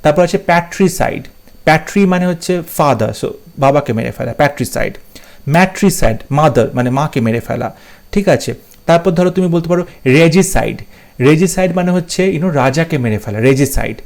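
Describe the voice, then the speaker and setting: Man, slightly high voice, teacher explaining exam answers, slows to read examples. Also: animated, gravelly. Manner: explains step by step, slowing down to read English examples. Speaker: English teacher. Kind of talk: exam-prep lesson.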